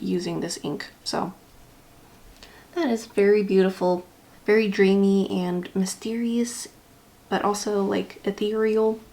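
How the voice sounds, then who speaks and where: Dark in tone, medium in pitch and edged with vocal fry, this vlogger's voice carries a slight lisp from her retainer. She rambles casually, somewhat self-consciously, while discussing ink swatches on YouTube.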